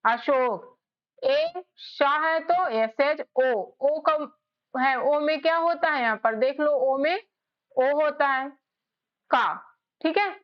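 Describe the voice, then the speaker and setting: Woman tutor, high voice, talks slow and spells stuff out letter by letter, kinda dull lo-fi audio. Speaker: English tutor. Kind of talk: casual spelling lesson. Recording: slightly dull lo-fi sound.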